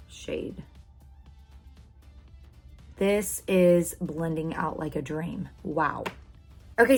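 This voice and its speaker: An American woman chatting casually as a beauty vlogger, gushing and repeating words for emphasis. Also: fairly low pitch. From Oklahoma, United States. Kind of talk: casual makeup tutorial chat.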